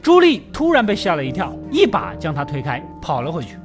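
A man's voice: on the high side, wildly swooping pitch, fairly quick. A man narrating a film recap in a chatty storytelling way, tossing in playful asides to the listener. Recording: voice-over over loud film music.

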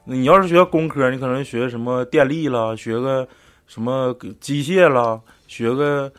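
A man's voice: mid-range voice, moderate pace, fairly bright tone, soft background music. A man with a Northeastern Chinese accent hosting a casual podcast chat, joking in an earthy, profane way. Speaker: podcast host. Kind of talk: casual chat with bantering commentary.

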